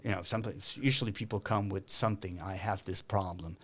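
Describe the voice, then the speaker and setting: Counsellor guy from argentina, lowish voice, lots of ums and restarts, thinking out loud. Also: steady tone, a little fast. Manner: thoughtful, many fillers and restarts. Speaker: clinical counsellor guest. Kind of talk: interview conversation.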